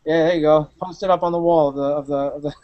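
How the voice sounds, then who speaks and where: A man hosting a tech show, joking loosely and excitedly as he comments on videos. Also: on the high side, fast, muffled recording. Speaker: podcast host. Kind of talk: casual chat commenting on videos.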